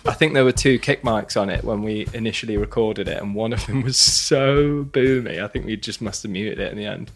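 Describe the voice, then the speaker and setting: A man chatting casually and in an animated way with his bandmates. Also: lowish voice, a little fast, few pauses. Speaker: band member. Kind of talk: casual chat.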